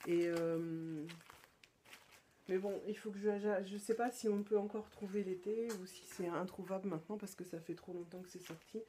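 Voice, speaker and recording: A woman from France hosting her own podcast, chatting casually and hesitantly, with many fillers and restarts and soft whispered asides. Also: mid-range voice, fairly even intonation, moderate pace, a little hiss or hum. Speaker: podcast host. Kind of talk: casual show-and-tell chat.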